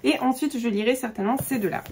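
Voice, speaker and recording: A woman's voice: a little high, fast talker, a little mellow, slight background noise. A woman book vlogger chatting casually about her reading, talkative with many fillers and restarts. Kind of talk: casual chat about books.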